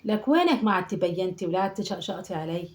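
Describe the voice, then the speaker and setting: A woman's voice: on the low side, lively intonation, rapid-fire, close to an everyday voice. A woman voicing a chatty, nagging older mother in her sixties from Aleppo, with an Aleppo Syrian Arabic accent, scolding and muttering prayers. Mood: fussing. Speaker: sketch performer. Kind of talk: comic monologue sketch.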